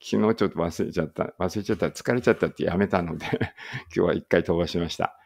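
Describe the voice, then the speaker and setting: A man's voice: sits low, fast talker, gravelly. A man reading a study text aloud in a casual study-along and thinking aloud in muttered asides. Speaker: language teacher reading aloud.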